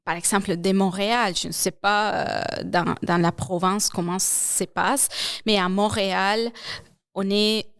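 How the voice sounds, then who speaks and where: A woman who speaks French as a second language and works as a program coordinator, answering interview questions and often pausing to search for words. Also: mid-range voice, fairly even intonation, gravelly, a bit bright, clear, resonant tone, no room sound. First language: not French. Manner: slow, searching for words, many pauses. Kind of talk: casual interview conversation.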